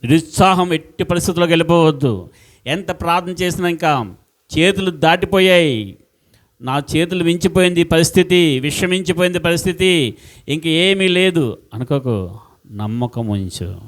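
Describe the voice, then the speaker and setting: A man preaching a sermon as pastor, impassioned and repetitive, swinging between loud outbursts and hushed words. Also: on the high side, expressive, normal speed.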